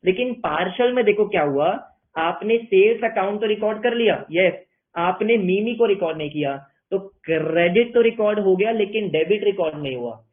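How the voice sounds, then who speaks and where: A man's voice: high-pitched, expressive, normal speed. A man teaching an accounting class online in a playful way, asking questions and answering them himself in his students' voices. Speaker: commerce teacher. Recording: tinny phone-like sound.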